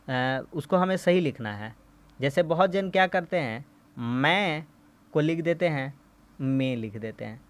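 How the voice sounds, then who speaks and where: Teacher man drilling Hindi words. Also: fairly high pitch. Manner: asks a question and answers it himself, drills words for repeating; friendly and reassuring, says "ठीक है भैया". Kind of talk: explaining a class 7 Hindi lesson.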